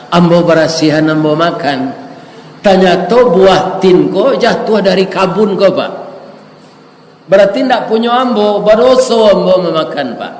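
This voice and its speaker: A man's voice: a little high, a little mellow, lightly acted. A preacher voicing a humble young orphan man. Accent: Minangkabau. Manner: humble, pleading. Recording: echoey hall with faint noise.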